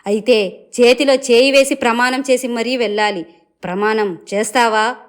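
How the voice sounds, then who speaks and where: A woman storyteller voicing a gruff male pig-like beast, possessive yet kind, with a low, stern, commanding manner. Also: steady tone, moderate pace, natural voice.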